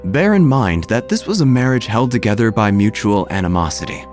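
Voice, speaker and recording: In a scripted comic story, a man plays a droll, gossipy small-town church narrator, his phrasing wry and theatrical. His lowish voice is expressive, fairly quick, a little mellow and close to everyday speech, with a droll, confiding mood. Music plays beneath him.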